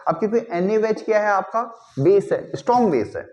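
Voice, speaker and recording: A man's voice: sits high, expressive, darkish tone. A male chemistry teacher lecturing a class, constantly checking whether students follow and slipping English phrases into his teaching. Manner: keeps checking understanding with quick repeated questions.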